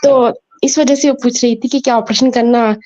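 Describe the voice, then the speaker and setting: A woman calling in with a question, explaining haltingly and repeating herself while her phone connection keeps cutting out. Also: fairly high pitch, steady tone, background noise. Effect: breaking-up phone connection. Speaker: caller. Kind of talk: phoning in a question to a scholar. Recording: dull lo-fi phone line.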